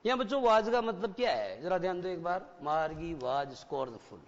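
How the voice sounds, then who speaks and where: A man's voice: sits high, sing-song, brisk, a little hiss or hum. A male English teacher with an Indian accent giving a classroom lecture, explaining step by step and often quizzing the students. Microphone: satellite broadcast studio. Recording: dull, lo-fi broadcast with long hall reverb.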